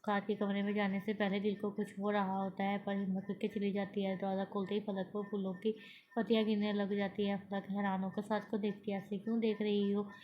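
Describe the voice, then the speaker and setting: Woman reader, novel narration, monotone, muffled recording. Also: mid-range voice, brisk, a little hiss or hum. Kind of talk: reading a romance novel aloud.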